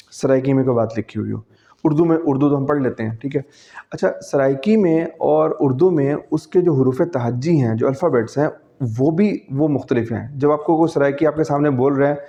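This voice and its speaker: Heard on a dull, lo-fi recording, a man with a Pakistani accent teaches a class in a conversational way. His voice is warm and slightly high, and he explains things patiently while frequently making sure students keep up.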